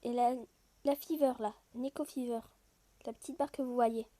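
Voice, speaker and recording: A woman gaming video host plays a mobile game and talks it through, explaining each screen and rule directly to her viewers in an easygoing, conversational walkthrough. Her voice is high with a mellow, rounded tone, fairly even intonation, and a moderate pace.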